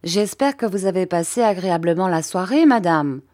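A woman's voice: lowish voice, expressive, normal speed, darkish tone, no room sound, clean studio sound, lightly acted. A woman reading an audiobook, voicing a stern, sullen middle-aged housekeeper who talks curtly. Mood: stiff.

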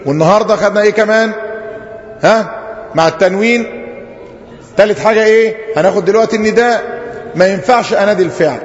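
A man with an Egyptian Arabic accent teaching a grammar lesson, who keeps asking the class questions, answering them himself and drawing out example phrases slowly. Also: high-pitched. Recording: roomy lo-fi hall recording.

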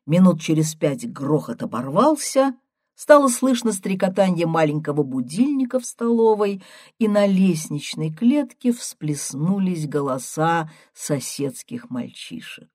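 Expressive woman narrator, low voice, dry close sound. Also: a little slow, no echo. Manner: expressive, varied. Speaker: audiobook narrator. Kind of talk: storybook narration.

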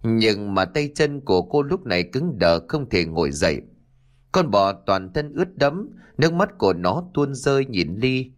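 A man narrating a story in an expressive, dramatic way. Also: mid-range voice, unhurried.

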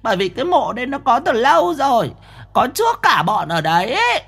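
A man's voice: extremely high pitch, big pitch swings, gravelly, a bit bright, breathy edge, pitched above the performer's own voice, exaggerated voice. A man voicing a flamboyant, effeminate ghost who is whiny and dramatic, wailing and drawing out his pleas. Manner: wailing, drawn-out pleading. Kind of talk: audiobook ghost story.

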